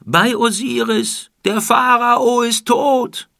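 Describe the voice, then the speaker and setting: Man reading a grief-stricken older Egyptian man, high and strained, slow and gravelly; storybook audio, dry. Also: steady tone, pushed and bright, dry recording, heavily acted. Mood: anguished.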